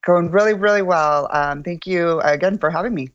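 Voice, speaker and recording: A woman with a very low-pitched voice chats casually as a show guest. Her audio is a little dull and lo-fi. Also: moderate pace, slight background noise. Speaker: returning guest joining the show. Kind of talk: casual chat.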